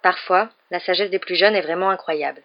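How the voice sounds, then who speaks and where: A woman radio columnist giving an expressive, mock-earnest comic storybook reading. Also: on the low side, brisk, muffled recording.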